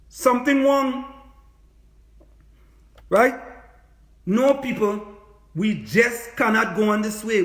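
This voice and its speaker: Broadcasting from an echoey room, this Trinidadian-accented man, who hosts livestreams, works as a political activist and lectures on business, has a very high, somewhat bright voice. He delivers an informal, impassioned monologue that keeps repeating itself, leaning hard on emphasis and rhetorical questions.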